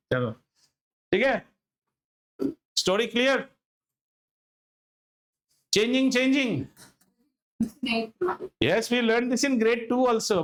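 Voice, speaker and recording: A man with an Indian accent teaching a school lesson, animated and emphatic, often repeating himself and asking rhetorical questions. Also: sits high. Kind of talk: interactive classroom lesson.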